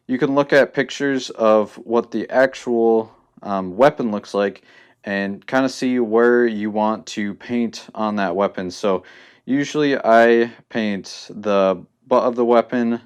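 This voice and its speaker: A man's voice: lowish voice, slow pace, clean tone. A young man hosting a casual hobby tutorial, talking loosely with lots of ums and restarts as he explains his supplies.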